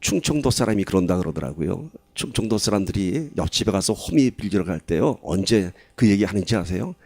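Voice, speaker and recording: A pastor giving a sermon in a conversational way, asking the congregation questions and rising to loud, emphatic stretches. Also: male voice, low-pitched, lively intonation, a little fast, slightly rough, no echo.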